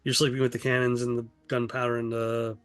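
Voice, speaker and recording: A man's voice: mid-range voice, monotone, brisk, clear, resonant tone, no room sound, soft background music. A man narrating a tabletop game as game master, in a loose, rambling way with restarts.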